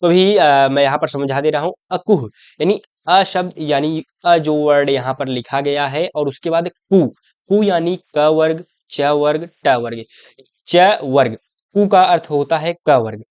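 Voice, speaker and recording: A man's voice: on the high side, a little slow, darkish tone, smooth, no echo, muffled recording. A young man teaching an exam-prep grammar lesson. He explains step by step, asks questions and answers them himself, and keeps calling the viewer his brother.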